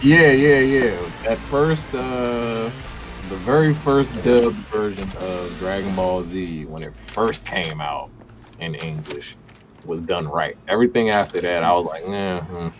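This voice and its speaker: A man co-hosting a casual chat about anime, opinionated and animated. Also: low-pitched, unhurried, faint music behind. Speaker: podcast co-host.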